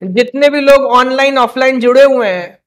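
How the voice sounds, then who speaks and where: A young man teaches live, testing students with rapid-fire questions and playful reprimands meant to spur them on. The pitch is extremely high and the tone a bit bright.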